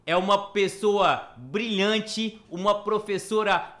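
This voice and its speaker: Host: man with a bright, high voice, slow and formal when presenting guests. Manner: formal, unhurried introductions. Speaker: podcast host. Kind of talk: podcast host introduction and interview.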